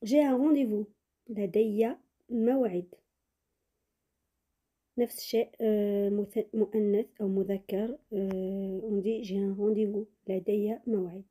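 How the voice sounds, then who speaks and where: A woman teaching French phrases in a lesson, saying model sentences slowly and repeating them, with quick explanations in between. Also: mid-range voice, steady tone, mellow. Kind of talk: bilingual language lesson.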